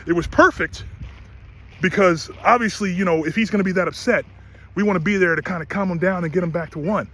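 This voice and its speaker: A man's voice: sits high, fairly quick, pushed and bright. A middle-aged man retelling a story about his horse in a casual vlog, earnest and emphatic, often restarting his sentences. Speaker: horse owner vlogger.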